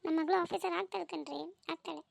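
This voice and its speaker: Brief: woman as a cartoon village mother, very high and slightly gravelly, homely and gentle. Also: fairly even intonation, fast, no echo, clean studio sound, heavily acted. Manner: gentle homely storytelling talk. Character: village mother of two, warm, devoted wife. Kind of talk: family cartoon story voicing.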